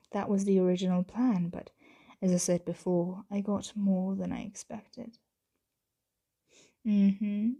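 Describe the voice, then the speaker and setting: In an ASMR roleplay, a woman with a medium-pitched voice plays a possessive yet tender female vampire owner addressing her servant close to the mic. Her soft, breathy voice is often whispered, and she speaks slowly and hushed, gently commanding in formal words. The mood is tender and intimate.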